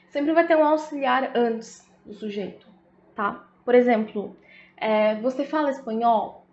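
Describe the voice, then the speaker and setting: A woman's voice: a little high, a little mellow, slight background noise. A woman with a Brazilian Portuguese accent, explaining a language lesson in a casual way and often checking in with her listeners. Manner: explains slowly, often adds "né?" and "tá?". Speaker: English teacher. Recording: echoey room, slightly dull audio.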